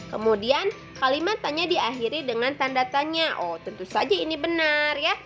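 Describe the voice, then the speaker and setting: A woman's voice: sits high, a bit bright. A woman teacher giving a patient lesson to second graders, explaining step by step with frequent fillers.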